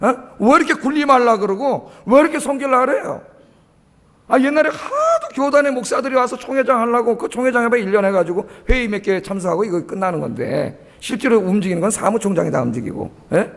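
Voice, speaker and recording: A man's voice: extremely high pitch, very animated, a little fast, vocal fry. A middle-aged male pastor preaching a sermon, emphatic, and often firing rhetorical questions at the congregation. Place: church sanctuary. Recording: long reverb of a church hall.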